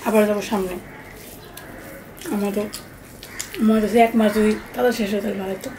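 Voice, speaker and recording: A woman's voice: mid-range voice, fairly even intonation, racing, far from the mic, noisy background. A woman chatting casually at a meal while eating, from Bangladesh. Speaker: co-host of eating video.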